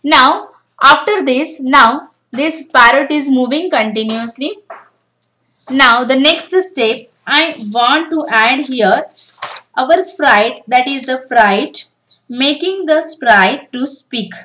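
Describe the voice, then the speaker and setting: Speaking slowly in a high, pushed and bright voice, a woman teaches beginners to code over a screen recording, explaining each step in turn and often starting with "now." The low-quality recording has a little hiss or hum.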